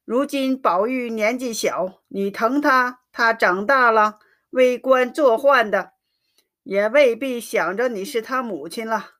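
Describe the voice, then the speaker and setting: Stern shaky old grandma scolding, high and sharp, woman putting her on. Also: slow. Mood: scornful. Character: stern angry elderly grandmother matriarch.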